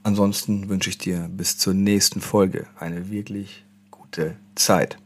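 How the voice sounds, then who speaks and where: Low-voiced man hosting a marketing podcast. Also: flat delivery, slow pace, over loud music. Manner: conversational, addresses listener directly with tag questions. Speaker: podcast host, marketing consultant. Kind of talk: solo podcast monologue.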